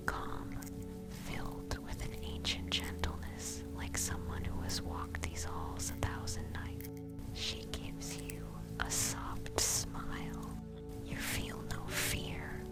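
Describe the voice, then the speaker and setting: A very low, hushed whisper tells a soothing ASMR bedtime story. The delivery is slow and scripted, staying unvoiced throughout, with music playing prominently behind it. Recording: clear music bed under whisper.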